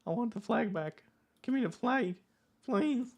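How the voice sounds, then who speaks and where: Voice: medium pitch, animated, a little slow, darkish tone. A streamer from Switzerland, chatting casually and thinking aloud while playing, joking and swearing as they guess. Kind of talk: casual gaming stream chat.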